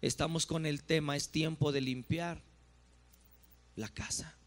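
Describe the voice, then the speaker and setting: A man pastor delivering a sermon in an emphatic, drawn-out preaching manner. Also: on the high side, fairly even intonation. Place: church.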